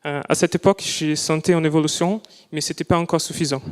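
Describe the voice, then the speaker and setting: A man's voice: fairly high pitch, fairly even intonation, quick pace. A young man whose first language is not French, presenting his student project live in a lecture hall, speaking carefully and often restarting as he searches for words. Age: young adult. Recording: long hall reverb.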